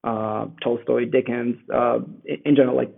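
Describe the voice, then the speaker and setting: This is a conversational interview with a guest author, an Italian-speaking man calling remotely from his home in Rome over a tinny, phone-like connection. He sounds thoughtful and keeps restarting and filling pauses, his medium-pitched voice showing vocal fry, fairly even intonation and a moderate pace.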